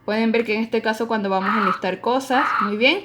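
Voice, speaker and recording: A woman's voice: fairly high pitch, brisk, noisy background. A woman teacher giving a recorded online class, explaining rules in an emphatic, explanatory way.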